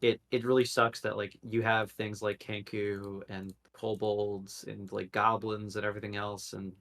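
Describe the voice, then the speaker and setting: A man's voice: lowish voice, little pitch movement, moderate pace, fairly bright tone. A man co-hosting a casual podcast chat, rambling with many fillers and restarts.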